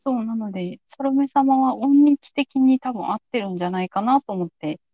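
A woman's voice: fairly high pitch, moderate pace, no room sound, muffled recording. A woman hosting a podcast in a casual, conversational interview style. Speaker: podcast host.

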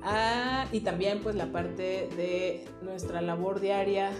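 A woman's voice: mid-range voice, steady tone, slow. A woman with a northern Mexican accent from Monterrey, co-hosting a casual podcast and explaining things directly to listeners. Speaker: podcast co-host, child psychotherapist. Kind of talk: casual conversational podcast talk. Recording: roomy echo, faint music.

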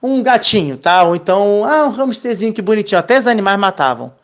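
High-pitched male teacher, lively and expressive, explaining scripture casually. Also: fast. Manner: animated, expressive teaching, sprinkled with Hebrew terms. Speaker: Torah teacher. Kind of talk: casual religious lesson.

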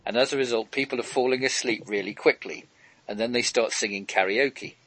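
A man's voice: a little fast, a bit bright, breathy edge, dry recording, poor audio. A man hosting a casual group chat, playfully laying out an absurd story idea and laughing as he goes. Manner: playful, laughs through his own absurd pitch. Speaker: host leading a group call.

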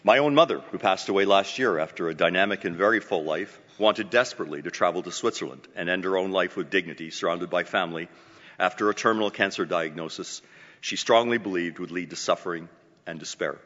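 A man's voice: sits low, fairly quick, fairly bright tone. A man hosting a formal event, introducing it like a grand ceremonial announcer. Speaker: club president hosting a luncheon event. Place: hotel meeting hall. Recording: muffled microphone in a reverberant hall.

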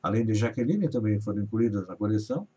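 A Brazilian man hosting a live news show reads regional headlines and stories, his emphasis rising, in a lowish, dark, slightly rough voice that is expressive and quick. The recording comes through as dull lo-fi audio.

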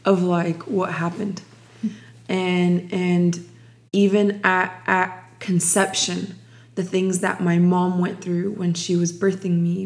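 A young Ukrainian woman gives her personal testimony as an interview guest, speaking slowly and reflectively and often restarting sentences while she collects her thoughts. Her voice is low for a woman and fairly even, with little rise and fall.

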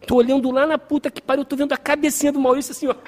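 A young man telling an animated story in casual chat, acting out voices and sounds. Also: very high-pitched, racing, a little hiss or hum. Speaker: podcast storyteller. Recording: long hall reverb.

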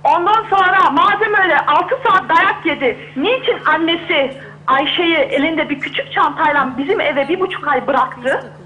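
A woman's voice: very high-pitched, moderate pace, sharp tone, rough recording. A middle-aged woman calling in by phone, defensive as she retells a conversation line by line. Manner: defensive, retelling with quoted dialogue. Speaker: caller. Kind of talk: phone-in to a talk show.

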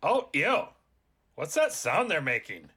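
A man's voice: a little high, huge pitch swings, measured pace, background noise. A man voicing a ditzy, whiny Valley Girl time traveler in a comedic table read, with a put-on Valley Girl accent and constant "like" fillers. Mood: grossed out. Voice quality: whiny, filler-heavy "like" speech.

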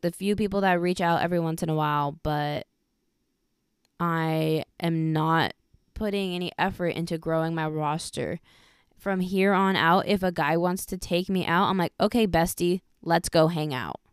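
A podcast host in her twenties chats casually about her life, giggling and telling stories with lots of animation. Her voice is lowish and smooth, at a moderate pace, recorded cleanly in a studio with no room sound.

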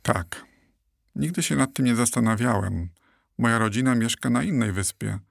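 A man voicing a calm male cormorant guide in an audiobook, speaking in a matter-of-fact way. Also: medium pitch, normal speed, gravelly, dry recording, studio quality.

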